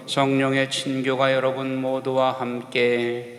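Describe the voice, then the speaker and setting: Slow, even-toned priest in an echoey church. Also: male voice, mid-range voice. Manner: measured, solemn recitation. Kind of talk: liturgical prayer, recited. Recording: echoey church hall, faint noise.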